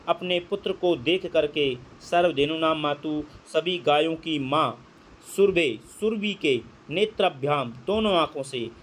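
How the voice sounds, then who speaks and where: A man's voice: a little high, slight background noise. Man teaching Sanskrit line by line. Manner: reads Sanskrit slowly, then explains in Hindi. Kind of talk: line-by-line translation lesson.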